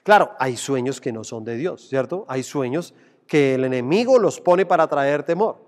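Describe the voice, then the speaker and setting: A man's voice: mid-range voice, animated, normal speed, in a large hall. A man preaching a sermon as pastor, addressing listeners directly and acting out quoted voices.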